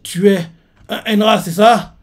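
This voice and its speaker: A man's voice: high-pitched, fairly even intonation, measured pace, voice pushed up. Defiant old woman fighter, as a man reads her, slightly raised voice.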